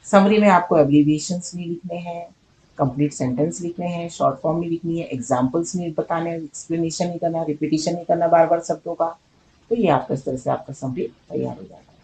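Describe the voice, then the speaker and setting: A woman's voice: sits low, fairly quick, mellow, rough recording. A woman teaching in a patient, explanatory way, repeating key words and checking in with her students. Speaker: English teacher. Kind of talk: explanatory video lesson.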